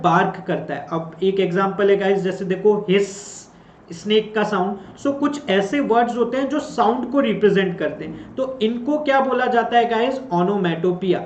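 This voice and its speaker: A man's voice: high-pitched, a little hiss or hum. A male teacher explains figures of speech in an online lesson, switching between two languages and spelling out definitions word by word. He checks in with his listeners again and again. The recording sounds echoey and a bit dull. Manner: mixes Hindi and English, reads definitions slowly, keeps asking if it is clear. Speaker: English teacher.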